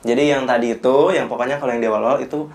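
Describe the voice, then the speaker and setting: A man's voice: medium pitch, fairly even intonation, rapid-fire. A young man explaining things in casual chat, repeating his words as he goes. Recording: echoey room.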